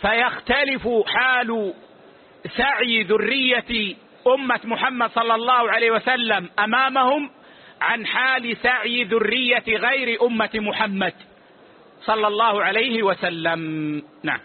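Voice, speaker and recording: Very high-voiced male religious teacher. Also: fairly even intonation. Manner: measured, authoritative, closes each answer with a short "yes". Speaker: religious scholar answering questions. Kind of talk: religious lesson with questions and answers. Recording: tinny phone-like lo-fi recording.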